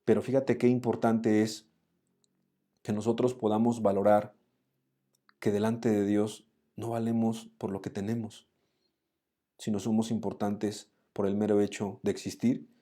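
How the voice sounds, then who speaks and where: A man's voice: on the low side, little pitch movement, a little slow, long pauses, warm tone. A man giving a Bible study, teaching earnestly and speaking straight to the listener. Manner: earnest, addresses listener directly.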